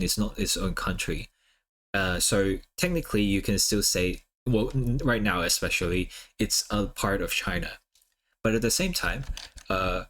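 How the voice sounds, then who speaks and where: A relaxed streamer from Hong Kong, whose first language is Cantonese, chats loosely while drawing on stream. He rambles, filling in with plenty of "like" and "uh," and his voice is lowish and fairly bright.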